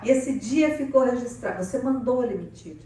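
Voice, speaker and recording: A woman with a Brazilian Portuguese accent preaching on family life, animated and playful, acting out little dialogues. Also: fairly high pitch, a little fast. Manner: animated, playful, acts out quotes. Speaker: church speaker on family life. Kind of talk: lively sermon talk with acted dialogue. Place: church hall. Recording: echoey hall, far from mic.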